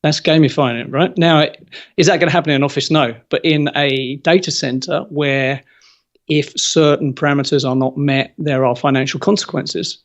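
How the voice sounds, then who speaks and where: Opinionated male guest, upbeat and a bit high-voiced, slightly muffled lo-fi audio. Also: normal speed. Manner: lively, opinionated, colorful comparisons. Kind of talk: casual interview conversation.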